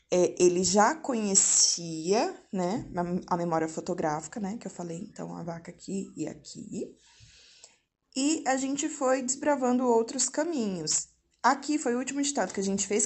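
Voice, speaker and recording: A woman talks to her viewers from home in a relaxed, conversational way. She is a mother explaining step by step, her voice in the middle range, and she keeps checking in with quick tag questions as she goes. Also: mid-range voice. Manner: chatty, frequent tag questions. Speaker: mother and vlogger. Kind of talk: casual explanatory vlog. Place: at home indoors.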